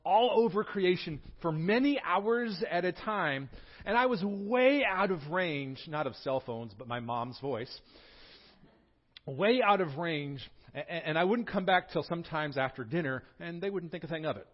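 A pastor in his forties from Southern California, who prays quietly and then preaches in a lively storytelling way with touches of humor. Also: on the high side, moderate pace, muffled recording. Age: 40s. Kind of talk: sermon.

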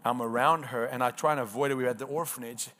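Speaking fast in a steady, mid-range, somewhat bright voice, a thirty-something man whose native tongue is Afrikaans preaches his personal testimony. His Afrikaans accent comes through as he tells the story with earnest emphasis.

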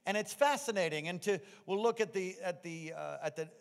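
An American pastor from the United States preaches a sermon to his congregation in a church sanctuary, his high, fairly quick voice carrying vocal fry and a clear, resonant tone. He delivers it emphatically, reading scripture, praying, repeating lines and turning key words back into questions to quiz the crowd. The recording has the reverberant sound of a church hall.

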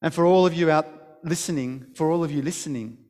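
A man's voice: a little high, brisk, darkish tone, in a large hall. A man preaching a sermon, telling a story with emphasis and many restarts. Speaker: pastor.

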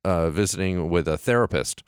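Lower-voiced man, animated and close-miked. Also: moderate pace, smooth, dry recording. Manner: animated, acts out quoted inner voices. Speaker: co-host. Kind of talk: casual podcast conversation.

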